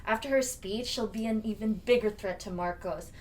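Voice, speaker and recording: A woman's voice: mid-range voice, moderate pace, darkish tone, natural voice, rough recording. A young woman playing an anxious, skeptical student friend in scripted drama dialogue. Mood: grudging. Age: young adult.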